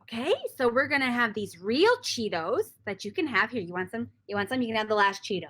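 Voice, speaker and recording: A woman's voice: a little high, lively intonation, a little fast, fairly bright tone. A woman improvising as a bossy, exasperated game master in a comedy scene, sometimes dropping to a whisper.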